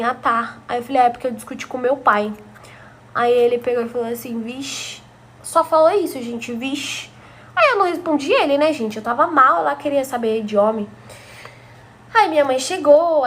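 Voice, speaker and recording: A woman's voice: on the high side, a little hiss or hum. A young woman from Brazil telling a personal story to her viewers in a chatty, gossipy way. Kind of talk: casual storytime narration.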